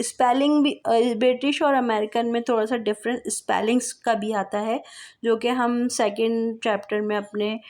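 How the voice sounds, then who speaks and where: Slow, high-voiced woman teaching. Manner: spells words out letter by letter, then repeats them slowly. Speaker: English teacher. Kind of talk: classroom lesson explanation.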